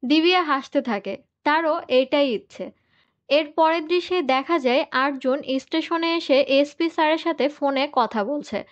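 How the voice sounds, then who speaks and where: A woman recounts a film's story in steady, scripted narration. Her voice sits high. The recording sounds dull and a little lo-fi. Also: unhurried. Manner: steady storytelling, reads out the characters' quoted lines in the same voice. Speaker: movie recap narrator.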